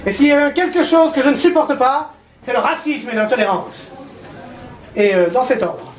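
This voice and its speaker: A man's voice: very high-pitched, moderate pace, background noise. A male comedian performing a stand-up sketch, playing a pompous TV doctor with theatrical asides. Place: stage before a live audience. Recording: echoey hall with live audience laughing.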